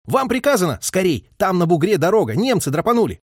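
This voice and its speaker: A man voicing an excited young male army messenger who reports in a hasty, shouting, cheerful rush. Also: high voice, quick pace, breathy edge, dry recording, clean studio sound, voice pushed up, full character voice.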